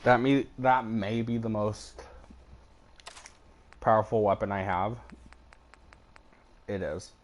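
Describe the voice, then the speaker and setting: Man, gaming host, rambling casual commentary, hiccups, slightly low voice. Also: steady tone, slow pace, long pauses. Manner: rambling, loose, swears offhandedly. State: has the hiccups. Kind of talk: casual let's play commentary.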